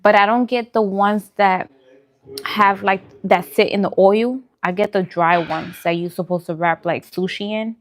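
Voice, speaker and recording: An adult woman and parent, a food vlogger and live streamer, chats informally with her viewers and answers comments as she goes. Her voice is medium-pitched and steady at a normal speed.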